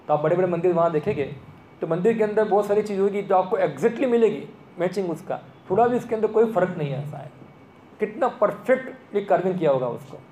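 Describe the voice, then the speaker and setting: A man's voice: fairly high pitch, warm tone, a little hiss or hum. A man giving a conversational lecture and asking the audience questions. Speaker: speaker giving a talk. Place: temple hall. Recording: echoey room with faint ambience.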